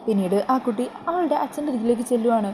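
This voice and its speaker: A woman storyteller briskly and chattily retelling a TV serial episode. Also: fairly high pitch, expressive, noisy background.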